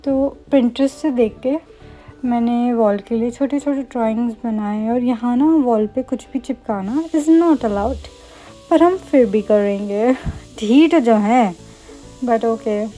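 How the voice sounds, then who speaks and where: A young woman, a medical student, chatting fast in a casual vlog with playful, self-mocking asides. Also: on the high side, dark tone, soft background music. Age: young adult. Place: student hostel room.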